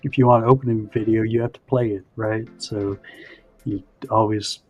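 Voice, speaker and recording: A man's voice: on the low side, fairly even intonation, moderate pace, phone-quality sound. A man hosting a livestream, chatting casually and explaining things in a rambling way with lots of "you know". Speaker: livestream host. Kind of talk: casual chat.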